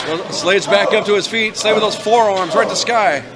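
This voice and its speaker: A man calling live pro wrestling play-by-play as an excitable announcer who exclaims at the big moves. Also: high-pitched, moderate pace, over loud music. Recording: loud crowd noise behind commentary. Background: wrestling crowd.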